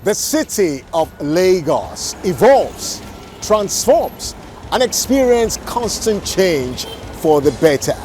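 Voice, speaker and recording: A man's voice: high voice, sing-song, slow. A man reading a scripted broadcast newsreel sign-off as the announcer. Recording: voice-over with music behind. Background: music.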